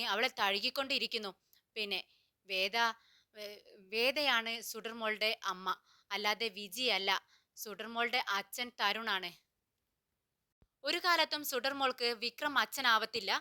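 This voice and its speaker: A woman's voice: fairly high pitch, sharp tone. A woman narrating a voice-over retelling of a TV serial, reading the characters' lines in her own voice, with frequent restarts and filler sounds. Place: home voice-over, not the pictured place.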